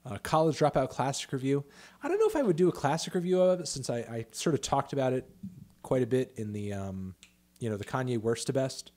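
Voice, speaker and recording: A man's voice: medium pitch, lively intonation, a little fast, mellow. A man in his thirties hosting a casual livestream Q&A about music, talking loosely with lots of fillers, restarts and swearing. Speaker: music critic host answering viewer questions.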